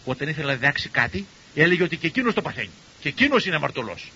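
An older man, a cardiologist, tells stories to an audience in a lively way and acts out the people he quotes. His voice is husky. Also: a little high, muffled recording, a little hiss or hum. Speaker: cardiologist and university professor giving a talk. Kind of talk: storytelling talk to an audience.

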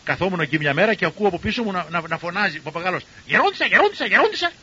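An older man, a cardiologist, tells stories to an audience in a lively way and acts out the people he quotes. His voice is husky. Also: a little high, lo-fi sound. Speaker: cardiologist and university professor giving a talk. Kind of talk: storytelling talk to an audience.

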